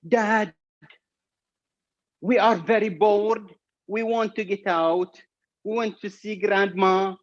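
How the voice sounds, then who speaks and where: A man's voice: sits high, steady tone, slow pace, pauses often, highs cut off, pitched above the performer's own voice. A man voicing bored young children who plead to go out, in a slightly raised, whiny tone.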